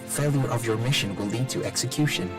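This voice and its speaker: A broken-down combat robot from a video game, his voice run through a cold metallic filter. He delivers flat, clipped status readouts at a middling pitch, stalling on system errors, with loud game music running behind him. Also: fairly quick. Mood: malfunctioning, clipped. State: malfunctioning, repeating system errors. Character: damaged male combat robot companion, cold and mechanical.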